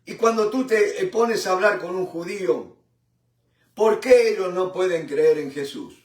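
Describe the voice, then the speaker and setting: High-pitched preacher guy, fervent bible study, echoey room heard from far off. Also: animated. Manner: fervent, repeats "mi hermano" and "¿no es cierto?"; halting with restarts, swells and drops in loudness. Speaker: Bible teacher. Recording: roomy echo from a distant mic.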